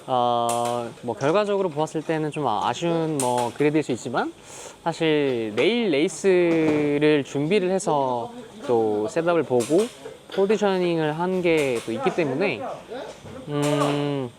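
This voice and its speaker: A man giving a casual, measured recap as a racing driver being interviewed, choosing his words with hesitant pauses. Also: on the high side, animated, a crowd in the background. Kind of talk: casual post-qualifying recap to camera. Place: busy racing paddock or garage. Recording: clearly noisy on-location recording.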